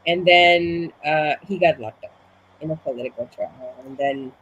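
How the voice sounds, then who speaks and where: A woman's voice: sits low, normal speed, a bit bright, highs cut off. Woman, from Suriname, interview guest, slightly out of breath, many restarts, faint background hiss. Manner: restarts often, explains at length. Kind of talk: casual conversation.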